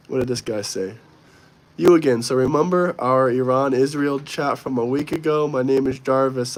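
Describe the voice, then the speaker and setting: Feeling a bit under the weather, a young man running a live stream responds to viewers' comments bluntly and casually. He speaks at a medium pitch, and the recording quality is low.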